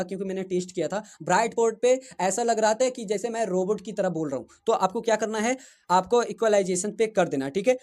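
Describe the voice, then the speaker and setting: A man's voice: high voice, a little mellow. A man giving a casual step-by-step tech tutorial, checking in often with his viewers as he explains settings. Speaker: tech reviewer. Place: indoors, in front of a running fan. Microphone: wireless lapel mic.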